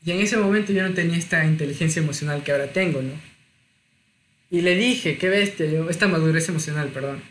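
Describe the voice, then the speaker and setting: Young man, high voice. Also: fast, slight background noise. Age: 20s. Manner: confessional storytelling, lively and self-mocking. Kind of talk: casual chat.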